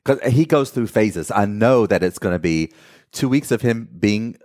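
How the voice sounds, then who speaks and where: A man's voice: on the low side, normal speed. A man from North Carolina, a guest in a casual interview, telling profane stories and acting out what people said. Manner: profane, animated storyteller acting out quotes.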